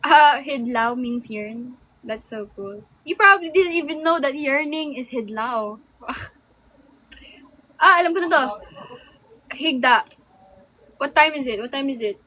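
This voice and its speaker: Bright high-voiced woman streamer. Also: slow pace, pauses often, poor audio. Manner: playful, chatty, reacts to viewer comments. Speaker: livestreamer. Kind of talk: casual live-stream chat.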